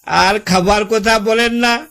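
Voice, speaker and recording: Heavily acted, his high-pitched, gravelly voice with a sharp tone moves slowly and fairly evenly as he portrays a fed-up villager phoning to complain about his new fridge. The rural West Bengal accent colors his folksy, long-winded, exasperated storytelling, full of repetition.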